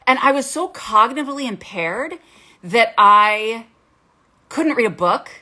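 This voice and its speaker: A woman's voice: fairly high pitch, animated, a little slow, pushed and bright. A woman in her forties, a wellness coach and former therapist, talking candidly and emotionally on a casual live stream, swearing freely.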